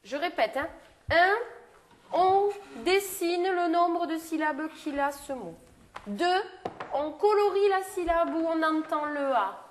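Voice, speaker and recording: Speak as a teacher with a small class of young children. Keep the voice high and the delivery unhurried, ask questions patiently, and echo back each child's answer before moving on. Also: female voice, animated, a little hiss or hum. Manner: patient, prompting with questions, repeats pupils' answers. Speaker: primary school teacher.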